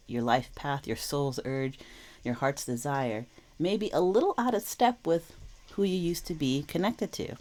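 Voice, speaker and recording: Woman, low voice, a little wheezy, under the weather, casual spiritual tarot host, reassuring and reflective. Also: warm tone. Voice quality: slightly wheezy, with throat clearing. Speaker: tarot reader and channel host.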